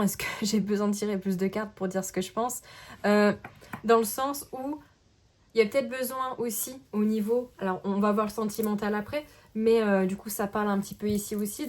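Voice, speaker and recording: A woman giving a casual tarot card reading to camera, in a gentle, searching way that keeps checking in with the listener. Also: medium pitch.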